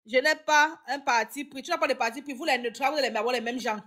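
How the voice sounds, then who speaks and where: High-voiced animated woman streamer. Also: quick pace. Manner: animated, dramatic exclamations. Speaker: live-stream host. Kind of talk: casual live-stream commentary.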